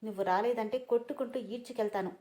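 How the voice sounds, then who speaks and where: A woman reading a story aloud, voicing an angry, possessive young husband who talks roughly and makes threats. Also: high voice, quick pace, warm tone, natural voice.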